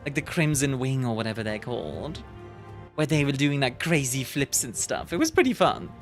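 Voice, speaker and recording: A Belgian woman with a British-leaning English accent streams and chats casually with her viewers, reading the live chat aloud. She's bubbly and giggly and uses lots of fillers. Her very deep voice is expressive and moderately paced, with faint music in the background.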